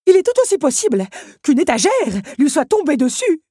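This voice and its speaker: A woman's voice: sits high, very animated, brisk, dark tone, no echo, studio quality, pitched above the performer's own voice. A woman voicing a pompous, gloomy old clock who predicts disaster dramatically. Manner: grim, dramatic.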